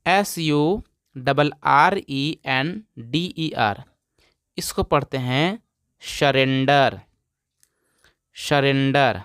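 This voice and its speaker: Slow, clear male teacher. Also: a little high, a bit bright, dry recording, clean studio sound. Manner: spells out letters slowly, repeats words for students. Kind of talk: phonics lesson.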